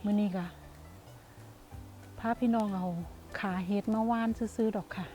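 A woman's voice: medium pitch, fairly even intonation, normal speed, warm tone, soft background music. Chatty Isan-accented woman vlogging outdoors. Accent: Isan (Northeastern Thai). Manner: chatty, addresses viewers as "brothers and sisters". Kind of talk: casual outdoor vlog. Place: outdoors in the countryside.

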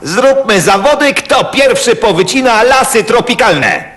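High, slow-talking scheming cartoon villain. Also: male voice, animated, a bit bright, a little hiss or hum, exaggerated voice. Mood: bossy. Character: scheming, sarcastic male villain, the other's brother. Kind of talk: animated cartoon dub acting. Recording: clear music bed under voice.

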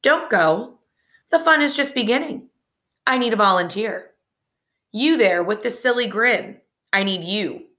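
A woman voicing a showy little male carnival showman who calls out in a booming, theatrical way. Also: animated, a little slow, pushed and bright.

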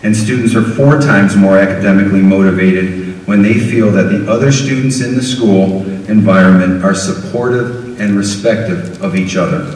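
A middle-aged man reads a formal welcome from a podium in a measured way. His voice sits in a mid range. The sound carries long reverb from a big hall and is picked up from a distance. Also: medium pitch. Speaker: school district official introducing the speaker. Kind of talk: formal prepared speech. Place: large auditorium stage. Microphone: podium microphone heard from afar. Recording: echoey hall recorded from far off.

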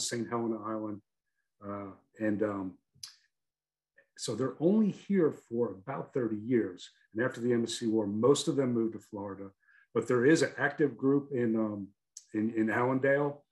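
A man's voice: medium pitch, a little mellow, low-quality recording. A man from the northern United States giving a lecture and answering questions on a video call, talking conversationally with many fillers. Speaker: guest lecturer, archaeologist.

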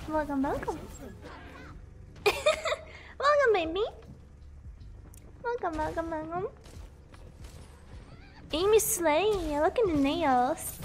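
A woman's voice: very high voice, a little hiss or hum. A woman streaming a game and chatting with viewers while sick with a cough. She giggles often, greets viewers and yelps during fights. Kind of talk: casual gaming stream chat.

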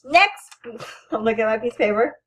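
A woman's voice: a little high, lively intonation, moderate pace, breathy edge. A teenage girl hosting a casual best friend tag video, teasing and giggly as she reads the questions. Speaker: channel host.

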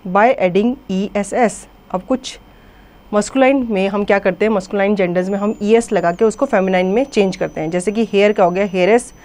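A woman's voice: mid-range voice, moderate pace, darkish tone. A woman teacher with an Indian accent giving a grammar lesson to school children, reading word lists aloud and explaining in Hindi mixed with English.

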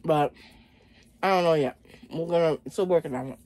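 A woman's voice: deep voice, moderate pace, darkish tone, no echo. A woman in her thirties chatting casually to viewers as a vlogger, chewing and eating while she talks and often saying "like". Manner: conversational, frequent "like" as a verbal habit. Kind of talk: casual mukbang chat to viewers. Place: small indoor bedroom.

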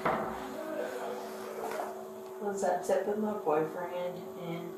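A woman's voice: lowish voice, steady tone, takes it slowly. A woman, rambling and pleading while being held by police. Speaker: person being arrested. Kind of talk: police custody recording. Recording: echoey room, distant mic, background noise.

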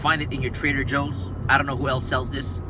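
A man in his thirties giving a casual, halting food review to viewers, like chatting with buddies. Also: mid-range voice, level tone. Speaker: snack review vlogger. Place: inside a car. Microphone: dashboard camera at arm's length. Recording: car cabin with loud road noise.

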